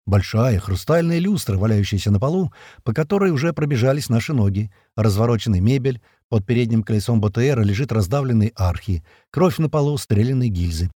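Male narrator for a gritty action audiobook: dark, slightly raspy tone, dry close recording. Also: medium pitch, expressive, a little fast, no room sound. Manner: vivid, tense storytelling that voices the soldiers' shouts. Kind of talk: first-person action audiobook reading.

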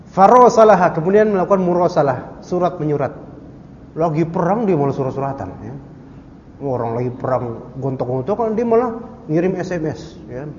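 A male religious teacher giving a Quran commentary lecture, lively and mixing recited Arabic with slangy asides. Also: a little high, a little hiss or hum. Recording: dull reverberant hall recording.

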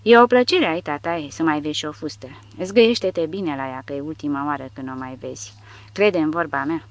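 A man's voice: fairly high pitch, lightly acted. A man voicing a coarse mocking jailer. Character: scornful male prison sergeant, coarse.

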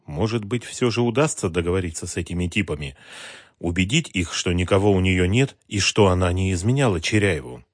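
Low-voiced man narrating an audiobook. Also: brisk, no room sound, clean studio sound. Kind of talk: scripted narration.

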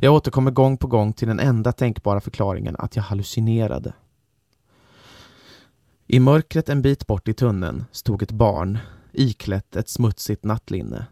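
A man's voice: lowish voice, creaky, dark tone, no echo. A man giving a scripted first-person horror narration with grave, intense storytelling, recorded in a radio podcast studio.

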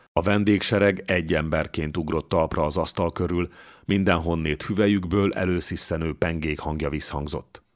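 Deep-voiced male audiobook narrator. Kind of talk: scripted narration of a historical novel.

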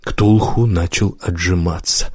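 A man narrating an audiobook in a measured, even storytelling manner, close to a studio mic. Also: low-pitched, breathy edge, no echo.

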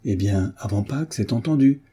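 Earnest, pleading young woman, read by a man with a very dark, husky voice; storybook reading. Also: fairly low pitch, animated, moderate pace.

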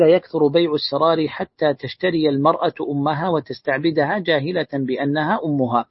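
A man's voice: on the high side, breathy edge, no echo. A man teaching a religious lesson, reading a classical text aloud and explaining it with short asides. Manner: reads a classical text aloud, then adds brief plain remarks. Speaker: sheikh teaching hadith. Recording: dull lo-fi dry recording.

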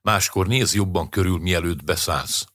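A man's voice: sits low, a bit bright, no echo, clean studio sound. A man reading as a shaken car-thief driver. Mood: shaken, sighing.

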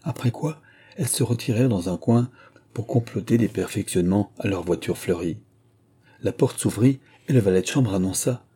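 A man narrating a classic novel aloud in calm, even storytelling. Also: on the low side, breathy edge. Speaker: audiobook reader.

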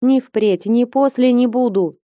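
Woman doing a scared old nun, quiet and begging, dry sound. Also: on the high side, unhurried, no room sound, voice pushed up, close to an everyday voice. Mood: timid. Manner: meek, pleading, hushed. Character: timid, elderly female nun, frightened.

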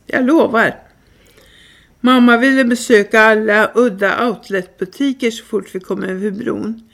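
A woman reading a first-person memoir aloud in a calm, even storytelling manner. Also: a little high. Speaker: reader.

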